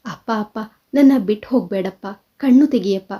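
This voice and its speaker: A woman's voice: medium pitch, brisk, breathy edge, natural voice. A woman reading a stubborn devoted daughter. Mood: pleading. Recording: dull lo-fi recording.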